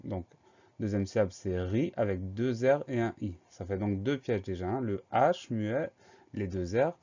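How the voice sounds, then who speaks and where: A man's voice: lowish voice, a little slow, mellow. A man giving a spelling dictation lesson, patiently spelling out each word letter by letter. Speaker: spelling teacher. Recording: dull lo-fi recording.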